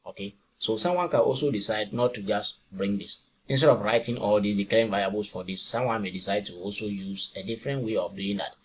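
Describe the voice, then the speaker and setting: Low-voiced man explaining code step by step. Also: a little fast, few pauses, slightly rough. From Ghana. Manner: talks step by step, asks and answers own questions. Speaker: programming tutor. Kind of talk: screen-recorded coding tutorial.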